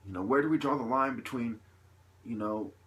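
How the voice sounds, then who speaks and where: In this unscripted vlog, a man passionately airs his views, his phrasing halting and his points repeated, punctuated by rhetorical questions. He has a medium pitch and a fairly bright sound.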